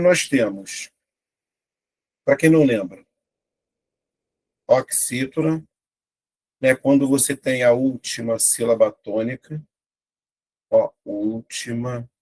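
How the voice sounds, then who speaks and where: A man's voice: medium pitch, slow, pauses often. A young adult man with a Brazilian Portuguese accent, teaching an online exam-prep grammar lesson and talking straight to his students. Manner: lively, talks to students directly with frequent "né?".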